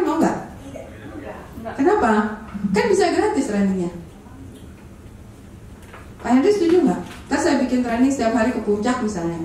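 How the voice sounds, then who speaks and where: A woman's voice: high-pitched, warm tone. A woman running a live public speaking training, energetically asking her audience for agreement. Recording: echoey room, speaker far from the mic.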